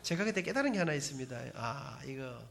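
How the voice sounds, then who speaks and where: A man's voice: mid-range voice, brisk, gravelly, faint music behind. A middle-aged man with a Gyeongsang Korean accent, giving a church testimony as dramatic storytelling to the congregation. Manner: animated dramatic storytelling, addresses audience. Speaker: speaker giving a faith testimony.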